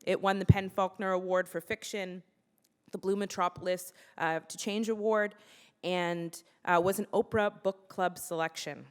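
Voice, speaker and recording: A woman hosting an author talk on stage, enthusiastic and quick to laugh. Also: fairly low pitch, steady tone, smooth. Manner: enthusiastic, warm, laughing asides. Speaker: interviewer. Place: public library event hall. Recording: long reverb of a hall.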